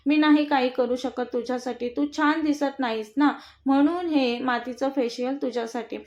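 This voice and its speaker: A woman's voice: high voice, fairly even intonation, moderate pace, a little mellow. A woman voicing a brash, teasing young husband in a storybook reading, with a mocking, bossy manner. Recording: dull lo-fi recording.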